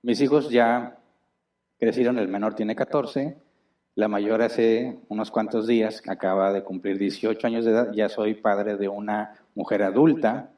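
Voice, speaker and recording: Warm-voiced pastor, heard from afar. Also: male voice, lowish voice, fairly even intonation, measured pace, recorded from a distance. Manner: chatty and explanatory, tags points with rhetorical questions. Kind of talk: conversational sermon. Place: church auditorium.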